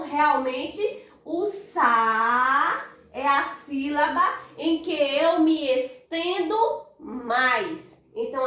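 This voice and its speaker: A Brazilian woman teaches a children's grammar lesson, her voice high and her pace unhurried. She stretches the stressed syllables out in sing-song calls. She sounds distant from the mic in a strongly echoing room. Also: a bit bright. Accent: Brazilian Portuguese. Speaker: primary school teacher. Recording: echoey room, voice far from the mic.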